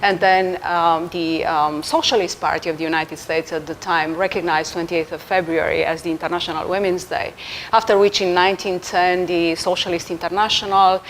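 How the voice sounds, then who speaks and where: A woman from Romania, a UN official speaking as a guest in a radio interview, measured and formal with frequent ums. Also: on the low side, fairly even intonation, slight background noise, poor audio.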